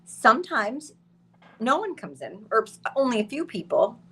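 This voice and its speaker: A woman's voice: on the high side, sing-song, moderate pace, bright, forceful tone, husky. A woman in her late thirties, a podcast guest, chatting casually and laughing often. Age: late 30s. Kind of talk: casual chat.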